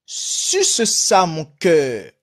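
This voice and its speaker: A man's voice: on the high side, huge pitch swings, very slow, fairly bright tone, heavily acted. A man reading aloud the lines of a scheming male priest who speaks solemnly and urges a young nun. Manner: solemn, urging.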